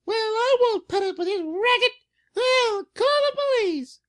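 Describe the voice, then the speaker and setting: A man voicing a complaining woman neighbor in a shrill falsetto while reading a comic aloud. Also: unhurried, a bit bright. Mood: indignant.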